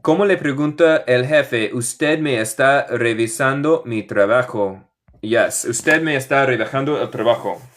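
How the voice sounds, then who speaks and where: An American man with a Northern US accent, a native English speaker, teaching English in Spanish with slow, drawn-out model phrases in a live online lesson. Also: medium pitch, fairly bright tone. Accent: Northern US (Michigan). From United States. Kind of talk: live online lesson, reading chat questions.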